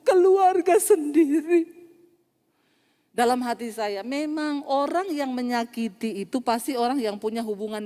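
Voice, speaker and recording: A woman pastor preaching a storytelling sermon, lively and acting out dialogue, often laughing at her own jokes. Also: fairly high pitch, big-room sound. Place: church.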